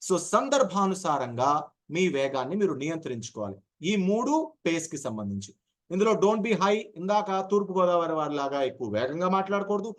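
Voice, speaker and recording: A man teaching public speaking in an online session, explaining deliberately, mixing in English terms and acting out short examples, heard over a video call. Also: a little high, sing-song. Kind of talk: online speech-skills lesson.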